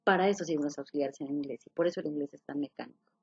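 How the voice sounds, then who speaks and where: A woman's voice: sits low, rapid-fire, a little mellow, slightly rough, muffled recording. A woman teaching an online English class, explaining patiently, repeating key points and asking her students questions.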